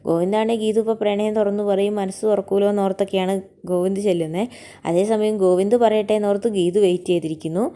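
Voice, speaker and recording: Woman, young adult, serial recap, rapid chatty delivery, mellow voice. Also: mid-range voice, fairly even intonation. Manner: fast, chatty retelling that keeps repeating little filler words. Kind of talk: retelling a TV serial episode.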